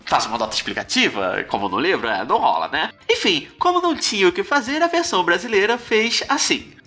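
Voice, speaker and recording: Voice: mid-range voice, big pitch swings, brisk, sharp tone, faint music behind. A podcast host from Brazil, explaining a science topic in a chatty, conversational way with rhetorical questions.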